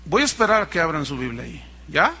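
A man with a Mexican Spanish accent preaching a sermon as pastor, animated and mocking as he mimics other people. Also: a little high, fast talker, vocal fry, slightly rough.

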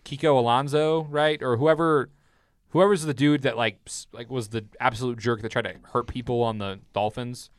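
A man's voice: mid-range voice, fairly even intonation, normal speed, clean tone, no echo, clean studio sound. A young man co-hosting a podcast, easygoing and casual, looking up football trivia and trading opinions. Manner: easygoing, looks things up, fond of trivia. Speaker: podcast co-host. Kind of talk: casual sports chat.

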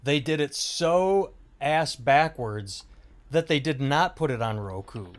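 A middle-aged man hosts a podcast in a slightly high, animated voice, taking his time. His casual chat rambles, he swears freely, and he keeps restarting his sentences.

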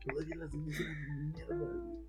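A man's voice: a little high, huge pitch swings, a little fast, over music, rough recording. A young man with a Mexican accent, telling a long story in casual chat, full of slang, often acting out the voices of the people in it. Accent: Mexican Spanish. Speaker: podcast co-host telling a story.

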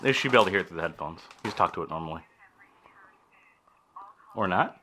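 A man's voice: low-pitched, expressive, quick pace, bright, forceful tone, slight background noise. A man chatting casually as the co-host of a review show. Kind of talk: casual chat.

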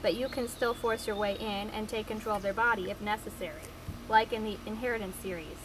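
A woman's voice: mid-range voice, fairly even intonation, a little fast, background noise. A young woman in casual chat, reading out would-you-rather questions with a dry, playful manner. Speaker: question asker.

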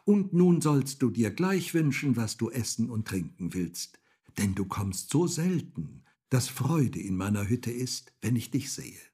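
A man's voice: lowish voice, lively intonation, takes it slowly, a little mellow, breathy edge, exaggerated voice. A man voicing a kindly old wise woman in a fairy tale, speaking in a comforting way. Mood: cheerful.

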